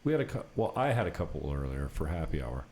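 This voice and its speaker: A man with a rumbling low, warm voice talks quickly and very animatedly while hosting a casual podcast from an apartment recording setup. Unscripted and unfiltered, he rambles through stories with some mild swearing, and background noise is audible.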